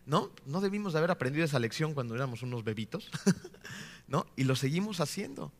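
A man in his thirties, a pastor, preaching a sermon full of rhetorical questions and often slowing down to stress his key points. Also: a little high, animated, in a large hall. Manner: rhetorical questions with frequent tag "¿no?".

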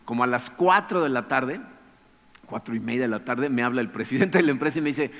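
Man, fast-talking storyteller, animated, keeps saying "¿no?", long hall reverb. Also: medium pitch. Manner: animated, tags phrases with "¿no?", chuckles often. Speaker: speaker telling a personal story. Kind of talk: anecdotal storytelling to an audience.

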